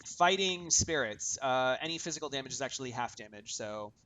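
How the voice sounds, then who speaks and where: A man's voice: mid-range voice, expressive, brisk, pushed and bright. A man narrating as game master in a casual tabletop session, chatty and full of fillers. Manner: chatty, many fillers, laughing at himself.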